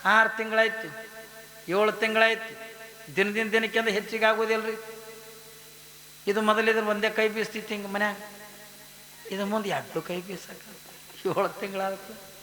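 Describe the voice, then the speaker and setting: A man's voice: high voice, normal speed, long pauses, echoey room, low-quality recording. A man giving a devotional sermon, telling stories, acting out the voices in them and putting questions to the audience. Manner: animated, acts out quoted voices, asks the audience questions. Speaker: pastor.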